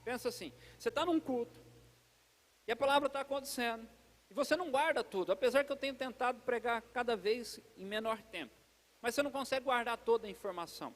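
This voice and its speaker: A man with a high voice preaches at a church service in a lively, conversational way, talking straight to the congregation. His voice rings out with a long reverb that hangs in the big hall. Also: fast. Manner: lively and chatty, addresses the congregation directly. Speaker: pastor. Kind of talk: conversational sermon.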